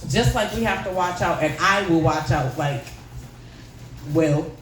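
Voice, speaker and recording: A woman emceeing a stand-up comedy show, loud and hyped, laughing often. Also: fairly low pitch, a little slow. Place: comedy club stage. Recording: echoey room, mic at a distance, noisy crowd.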